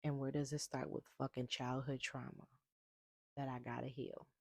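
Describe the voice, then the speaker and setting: A woman's voice: rumbling low, flat delivery, normal speed, gravelly, no room sound, studio quality. A woman in a personal vlog about healing and boundaries, talking emphatically, swearing freely and repeating her points with rising heat. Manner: emphatic, swears freely, builds to heated repetition. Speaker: vlogger.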